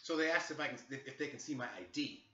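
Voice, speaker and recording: A man's voice: mid-range voice, fast talker, fairly bright tone, a little hiss or hum. A man telling an angry story in a rant from his small apartment, swearing heavily in an exasperated tone, on an echoey, distant, dull-sounding recording. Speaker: vlogger.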